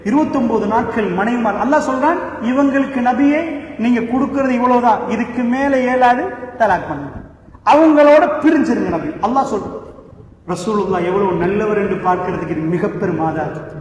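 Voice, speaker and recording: A man preaching a sermon in a mosque, telling stories with swings from hushed lines to shouted ones. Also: high voice, heavy reverb, long reverb tail, far from the mic, rough recording. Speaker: Islamic preacher.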